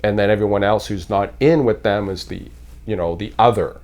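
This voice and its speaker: A man's voice: on the low side, brisk, darkish tone. A man from Canada, a podcast guest, talking in a thoughtful, rambling way with frequent restarts. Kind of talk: casual conversational interview.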